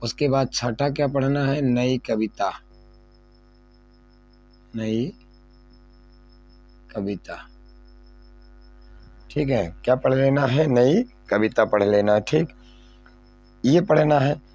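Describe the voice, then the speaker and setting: A man's voice: mid-range voice, moderate pace, darkish tone, soft background music. A male teacher going over an exam syllabus, repeating key points and asking questions he then answers himself. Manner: repetitive, asks and answers own questions.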